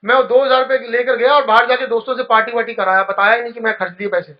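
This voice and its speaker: A man giving a motivational speech, telling a personal story with feeling and dropping soft at the tender parts. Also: fairly even intonation, rapid-fire. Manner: storytelling, emotional, drops low and soft at touching moments. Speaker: motivational speaker. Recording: dull lo-fi recording.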